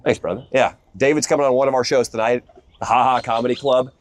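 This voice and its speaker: A man, a stand-up comedian, chatting casually while fishing outdoors, with a deadpan, sarcastic delivery. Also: medium pitch, fast talker. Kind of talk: casual chat.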